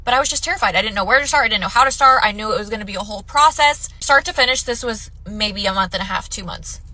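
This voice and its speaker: A woman's voice: medium pitch, fast, sharp tone, dry recording, rough recording. A woman vlogging in candid, chatty talk to her viewers, her voice stuffy and congested through the nose. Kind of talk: casual chat to camera.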